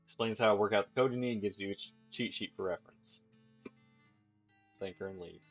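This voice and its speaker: A man's voice: on the low side, a little fast, soft background music, poor audio. A man reading a video game's text aloud as a let's play host, stumbling and restarting now and then. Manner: plain reading with slips and restarts.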